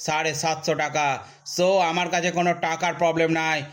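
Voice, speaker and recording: A man's voice: a little high, little pitch movement, fairly quick, fairly bright tone, smooth, lightly acted. A man playing a bragging village customer. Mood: boastful. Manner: bragging, dithering, rambling. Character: boastful, forgetful village man shopping for a phone.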